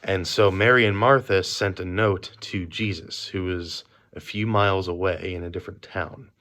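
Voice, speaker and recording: A man with a deep, low voice leads a youth group through a relaxed devotional talk. He speaks from memory in an easy, conversational way. The talk is recorded on a phone at a quiet workplace. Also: normal speed.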